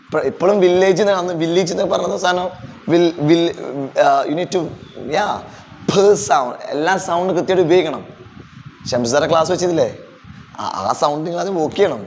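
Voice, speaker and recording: A man's voice: fairly high pitch, slight background noise. A man in his thirties with a Kerala accent, teaching pronunciation to a room of teachers and having them repeat lines. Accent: Kerala English. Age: 30s. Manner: animated, drills pronunciation and asks the class to repeat. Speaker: English teacher training teachers. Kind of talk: classroom lesson, mixing Malayalam and English.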